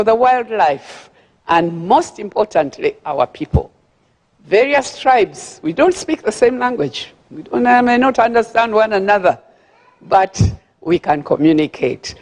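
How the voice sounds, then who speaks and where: A woman's voice: on the low side, a little mellow. An older woman with a Ugandan accent addresses a banquet crowd from a podium. She talks in a chatty, easygoing way and keeps stumbling over repeated words as she gathers her thoughts. Her voice rings out with a long reverb across a large hall. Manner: chatty, repeats words while searching for them, laughs at her own remarks. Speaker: guest speaker at a gala. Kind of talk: formal speech with friendly asides.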